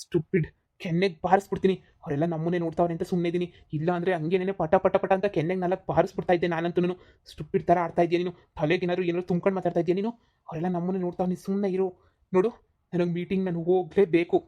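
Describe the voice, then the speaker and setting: A woman's voice: fairly low pitch, flat delivery, muffled recording, close to an everyday voice. A woman doing a scolding short-tempered husband. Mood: angry. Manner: scolding, rapid, repeats insults. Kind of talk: cartoon comedy voice acting.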